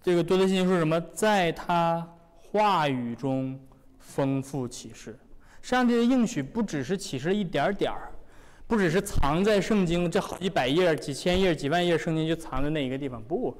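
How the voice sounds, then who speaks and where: A man preaching a sermon, animated and full of rhetorical questions. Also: on the high side, big-room sound.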